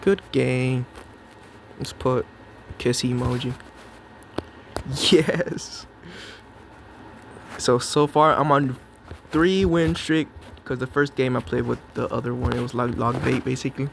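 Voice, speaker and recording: Excitable young man narrating his gameplay. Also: medium pitch, slow, creaky, long pauses, noisy background. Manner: excitable, jokey, talks to himself and the opponent. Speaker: gameplay commentator. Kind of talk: live gameplay commentary.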